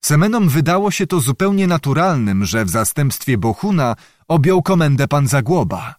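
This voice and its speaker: A man narrating a literary novel in a steady, measured, descriptive reading voice. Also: on the high side, no echo, clean studio sound. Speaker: audiobook narrator.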